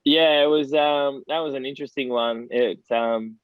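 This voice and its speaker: A man's voice: mid-range voice, steady tone, moderate pace, smooth, no room sound, narrow, tinny audio. An Australian man in his forties, a former footballer telling rambling anecdotes in a casual podcast interview, often laughing as he talks.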